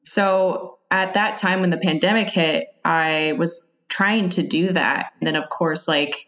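A woman with a slightly low voice chats as a podcast guest. She is informal and somewhat tentative, working out her thoughts aloud in an everyday conversational style. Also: fairly even intonation, a little slow, a bit bright. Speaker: podcast guest, freelance video editor.

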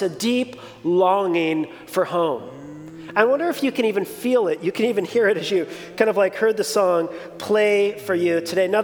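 Pastor, forties, male, conversational reflective sermon delivery, higher voice. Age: 40s. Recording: reverberant hall.

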